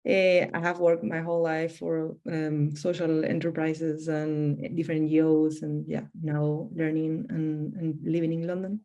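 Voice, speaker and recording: A woman's voice: low-pitched, level tone, measured pace, few pauses, warm tone, muffled recording. A woman from Peru, introducing herself cheerfully on a video call. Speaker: works for the guest. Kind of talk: casual self-introduction.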